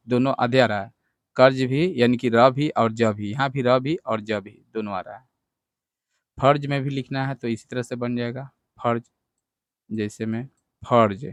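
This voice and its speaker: A man's voice: mid-range voice, smooth, no echo. Patient man teaching spelling, dry sound. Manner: patient and explanatory, repeats words slowly, addresses students directly. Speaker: English teacher. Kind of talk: classroom lesson explaining spelling.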